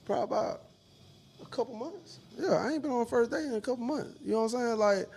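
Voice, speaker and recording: A man's voice: very high voice, fast talker, creaky, a little mellow, slight background noise. A man, chatting casually and laid-back with plenty of slang and swearing. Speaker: podcast panelist. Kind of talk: casual chat.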